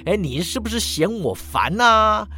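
A man's voice: high-pitched, sing-song, measured pace, bright, forceful tone, a little hiss or hum, pitched above the performer's own voice, heavily acted. A man voicing a cheeky old male skeleton necromancer who wheedles and argues, in a storybook reading. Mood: whiny. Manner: wheedling, self-pitying, argumentative.

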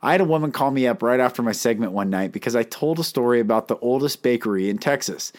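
A fast-talking man with a medium-pitched, darkish voice runs a solo talk episode as a podcast host and life coach. Earnest and emphatic, he poses questions to listeners, though he can't roll his R's.

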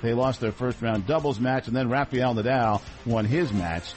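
A man's voice: medium pitch, moderate pace, a little mellow. A man delivering a scripted radio sports update as the anchor. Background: music.

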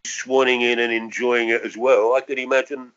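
Speaking at a moderate pace in a flat, medium-pitched voice, a London man in his sixties looks back on his life in an oral history interview, hesitant and reflective, often circling back to qualify statements. His tone is clear, resonant and fairly bright, with a London accent, but the highs are cut off.

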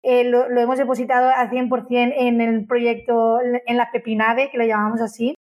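A woman with a high voice talks in an interview about the company she runs. She is enthusiastic and keeps repeating words as she goes. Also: little pitch movement, moderate pace, muffled recording. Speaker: business owner.

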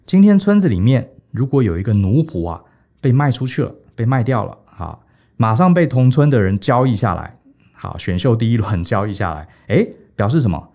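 A man voicing a calm, clever male minister who argues his case in a composed, persuasive way. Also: mid-range voice, moderate pace.

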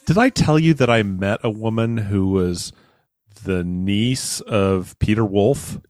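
A man's voice: on the low side, takes it slowly, darkish tone, no room sound, soft background music. A man co-hosting a podcast, chatting casually and bantering with his partner. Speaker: podcast co-host.

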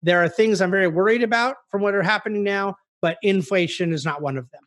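A fast-talking man with a high, fairly bright voice plays an investment officer delivering market commentary on a conference call. He meets investor questions with emphatic, articulate explanations.

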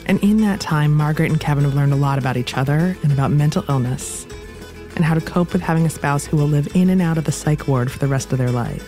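A podcast host narrating a scripted story in a calm, measured way. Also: mid-range voice, soft background music.

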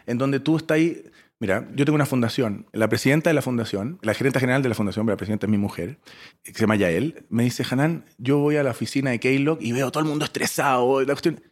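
A man from Chile, a startup founder in his forties, telling stories as an interview guest with an expressive delivery that swings between loud bursts and soft asides. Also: medium pitch, fast. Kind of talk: animated storytelling interview.

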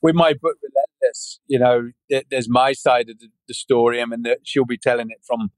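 This man is a British podcast guest in his forties whose medium-pitched delivery is flat and normally paced. He chats casually, rambling with frequent restarts and fillers like "yeah" and "you know." Low-quality recording, no echo.

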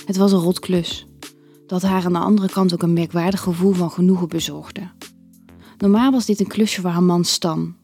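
Low, mellow woman narrating a story. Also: steady tone, moderate pace, breathy edge, soft background music. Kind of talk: scripted erotic story narration.

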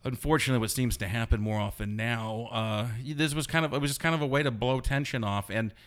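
A man of average pitch tells a story in a loose, animated way and leans on "you know" again and again. He is a blogger being interviewed, and he speaks casually. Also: fast talker. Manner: rambling, animated retelling full of "you know". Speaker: blogger guest.

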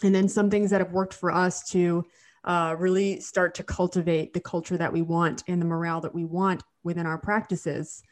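A woman's voice: fairly low pitch, flat delivery, normal speed. A woman hosting a casual podcast with a nasal, congested voice from a cold, repeating words as she goes. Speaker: podcast host.

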